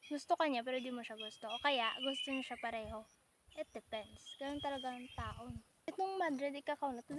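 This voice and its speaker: Playful high-voiced woman vlogging outdoors. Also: slight background noise. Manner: chatty, playful, mixes Tagalog and English. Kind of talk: casual vlog chat. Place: outdoors by rice fields.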